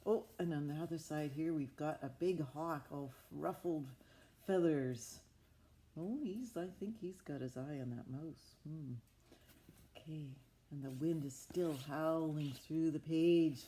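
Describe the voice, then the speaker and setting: This storybook narrator is a woman whose voice sits on the low side and sounds warm. Improvising a tale from a picture book, she speaks with expression and a sense of wonder, as if young children were listening.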